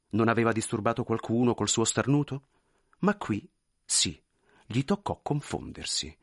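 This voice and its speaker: A man reading a story aloud in an expressive, theatrical narrating style. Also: fairly low pitch, breathy edge, no room sound, clean studio sound. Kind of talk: scripted narration.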